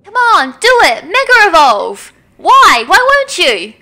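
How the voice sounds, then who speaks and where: A woman's voice: high-pitched, lively intonation, slow, pushed and bright, exaggerated voice. A woman reading the lines of a driven young woman who summons a dragon, in an earnest, dramatic way. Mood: distraught.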